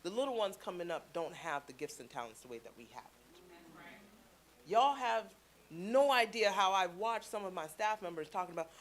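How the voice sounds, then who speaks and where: A woman from Canada speaking to a church congregation, telling stories with playful asides in a lively sermon. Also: medium pitch, moderate pace. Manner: chatty storytelling with playful asides.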